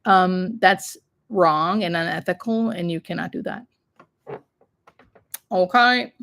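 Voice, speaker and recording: A woman's voice: fairly low pitch, slow pace, creaky, a bit bright, slight background noise. A woman hospice nurse hosting a live question session, chatting informally and explaining things in plain, conversational terms. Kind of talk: casual live-stream chat answering viewer questions.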